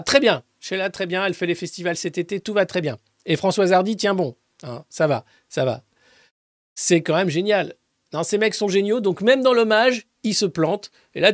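Male press-review host with a high, dry voice; mocking, swears a lot, swings from loud jabs to mumbled asides. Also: no echo. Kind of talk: casual sarcastic press commentary.

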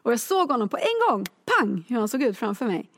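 A woman, a children's book author and musician, telling animated anecdotes full of fillers in a casual interview. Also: a little high.

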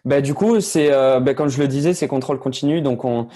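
A young tennis player in his teens has a warm, medium-pitched voice and talks a little fast. His casual interview answers are hesitant, full of fillers and restarts.

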